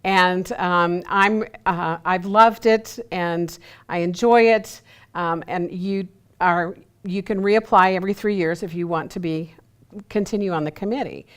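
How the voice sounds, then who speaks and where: A woman's voice: on the low side, unhurried. A woman appearing as a studio guest on a local TV interview, speaking enthusiastically with lots of fillers. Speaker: committee chair, studio guest.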